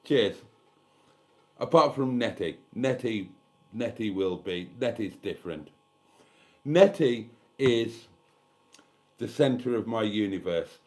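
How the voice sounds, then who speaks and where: A man's voice: on the low side, animated, slow pace, long pauses. A man in his fifties hosting a live stream, chatting casually and reading comments in a blunt, candid, sweary way with rambling asides. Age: 50s. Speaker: livestream host.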